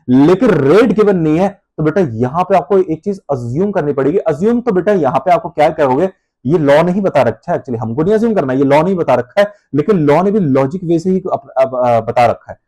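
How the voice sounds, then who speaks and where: A man's voice: a little high, animated, moderate pace, few pauses, mellow. A male accounts teacher giving a conversational lecture, calling students "beta", voicing their replies himself and often correcting and repeating himself. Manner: conversational, self-correcting, repeats key terms. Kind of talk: Hindi classroom lecture.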